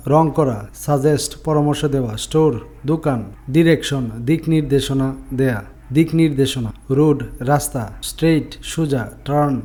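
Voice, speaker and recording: Guy reading out vocab words one by one, warm dark voice, steady recital. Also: a little high. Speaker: vocabulary teacher. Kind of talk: reading a word list with translations.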